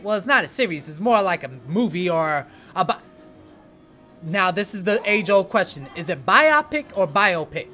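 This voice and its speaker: A man hosting an entertainment news show, talking in an animated, chatty way with playful asides. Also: sits high. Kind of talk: energetic entertainment news chat.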